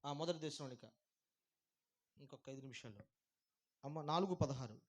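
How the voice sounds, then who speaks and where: A man preaching as a pastor, building shouted repetitions and calling the congregation to praise. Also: a little high, moderate pace. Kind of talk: sermon.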